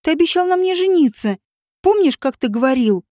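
A woman reading a storybook, voicing a desperate young woman who shouts accusations and sobs. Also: lively intonation, brisk, no echo, clean studio sound. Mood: tearful accusing. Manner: shrill and pleading, breaking into sobs.

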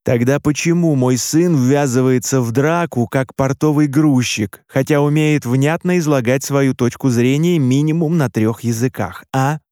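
A man's voice: mid-range voice, normal speed, hardly any pauses, dark tone, no room sound, studio quality, natural voice. A man voicing a stern middle-aged father scolding his son.

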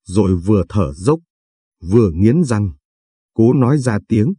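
A male storyteller reads in a slow, measured way. His voice is low, dark and breathy, and it sounds dry and close to the mic. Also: no room sound. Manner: measured, steady reading. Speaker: narrator. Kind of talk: storytelling narration.

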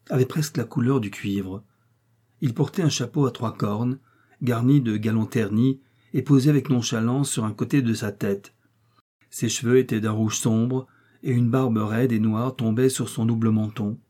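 Un homme qui lit un roman à voix haute, d'un ton posé et régulier. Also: male voice, mid-range voice, dark tone, breathy edge. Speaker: audiobook narrator. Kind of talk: audiobook reading of a novel.

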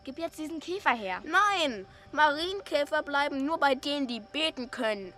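A woman's voice: sits high, lively intonation, pushed and bright, soft background music. An actress voicing stubborn little girls who bicker and repeat each other in a radio drama. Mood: squabbling. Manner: quick childish bickering, repeating lines.

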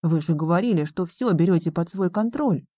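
An indignant schoolboy who demands answers from an adult, read by a woman. The voice is low and dark. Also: animated, brisk, no echo.

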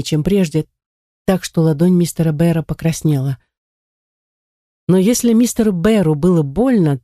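Warm, expressive audiobook narrator. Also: mid-range voice, no room sound, studio quality.

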